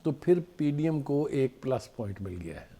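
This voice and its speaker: Pakistani analyst guy on a tv talk show, normal pitch, calm then emphatic. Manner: measured, emphatic, teasing at times. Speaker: political analyst guest. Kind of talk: studio talk show discussion.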